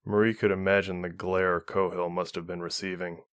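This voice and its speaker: A man narrating fan fiction in a steady, measured reading. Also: deep voice, smooth, dry recording, studio quality. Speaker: audiobook reader.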